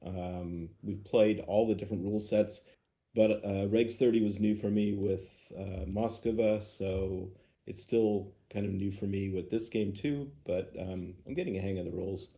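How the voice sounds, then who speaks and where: A middle-aged man playing a wargame, talking slowly and hesitantly. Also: on the low side, steady tone, mellow. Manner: slow, hesitant. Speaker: player. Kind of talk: casual chat.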